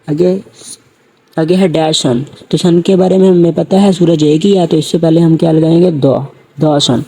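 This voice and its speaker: Husky, dark-toned male English teacher. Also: on the high side, low-quality recording. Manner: asks students questions, then answers them himself. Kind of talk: recorded grammar lecture.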